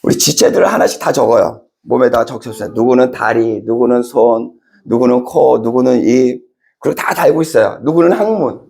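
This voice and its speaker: A middle-aged male pastor preaching a sermon, telling stories with lively acted-out voices and asking the congregation questions. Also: fairly quick, gravelly. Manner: animated storytelling, acts out characters with big pitch jumps; conversational, asks the congregation questions.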